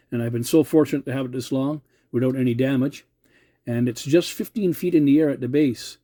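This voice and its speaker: A middle-aged or older amateur radio operator hosts a video channel, his very warm, mellow, mid-range voice captured close and dry, with no room sound, on a cell phone filming the radio. He chats casually as a hobbyist, polite and measured, frequently hesitating and doubling back on his words.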